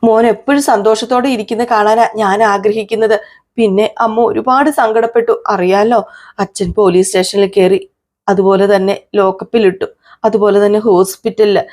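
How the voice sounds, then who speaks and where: ഒരു സ്ത്രീ, മരുമകളോട് കയ്പ്പുള്ള ഒരു മധ്യവയസ്കയായ അമ്മായിയമ്മയായി ശബ്ദം നൽകുന്നു, പരാതിയും പുച്ഛവും നിറഞ്ഞ സംസാരം. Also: female voice, mid-range voice, steady tone, moderate pace, darkish tone, natural voice. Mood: aggrieved. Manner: complaining, scornful asides. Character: scheming middle-aged mother-in-law, bitter toward one daughter-in-law.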